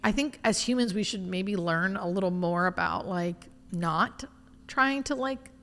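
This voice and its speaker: A woman with a mid-range voice talks at a measured pace, her words trailing into a long reverb. She's a hospice nurse being interviewed, telling stories candidly and informally. She's expressive and often acts out bits of imagined dialogue.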